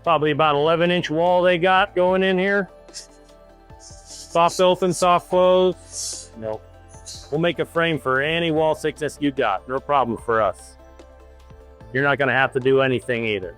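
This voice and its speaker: A man's voice: mid-range voice, a bit bright. A man with a mid-range voice walks listeners through a warehouse workshop as its foreman. His delivery is informal and explanatory, in plain everyday wording. Faint music plays behind him. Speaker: shop foreman giving a tour. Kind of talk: informal guided workshop tour presentation. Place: woodworking shop warehouse.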